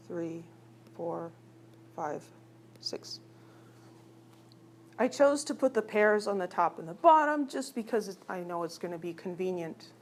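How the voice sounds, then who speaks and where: Chatty woman chemistry teacher, faint hum. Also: mid-range voice. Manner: chatty, teasing, asks the class questions. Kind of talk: recorded classroom lecture.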